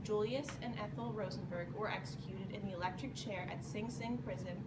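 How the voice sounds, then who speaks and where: A young woman of medium pitch narrates a scripted news report as a student reporter. Her voice is echoey and away from the mic, under loud background noise. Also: a little fast, far from the mic.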